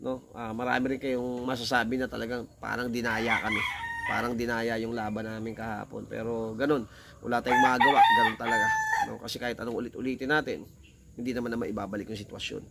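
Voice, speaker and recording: A man, hoarse from shouting, talking in a heated, animated way as a casual vlog host. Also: mid-range voice, a little fast, very noisy. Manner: animated, heated, repeats himself. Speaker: cockfighting vlogger. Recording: loud roosters crowing behind.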